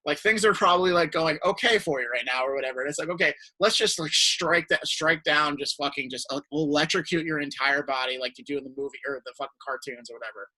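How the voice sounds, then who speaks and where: A man's voice: fairly high pitch, fast talker, hardly any pauses, sharp tone, rough recording. A young man hosting a podcast, talking in a casual, rambling way with lots of fillers and restarts. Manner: rambling, filler-heavy, laughs often. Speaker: podcast host. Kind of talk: casual chat.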